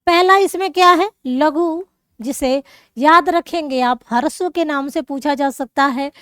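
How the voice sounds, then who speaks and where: A woman's voice: high voice, measured pace, a bit bright, no room sound, clean studio sound. A woman teacher explaining grammar rules step by step, checking in often with her students. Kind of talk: classroom lesson.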